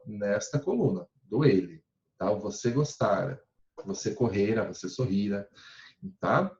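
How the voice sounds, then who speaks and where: A man teaching a recorded grammar lesson, with a patient, explanatory manner and lively, rising and falling intonation. He slows down to spell out each verb form and keeps checking in with his students. His voice sounds roomy and echoey, with a dull, lo-fi quality. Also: mid-range voice. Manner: ends phrases with checking tags like "tá?". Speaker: Portuguese teacher.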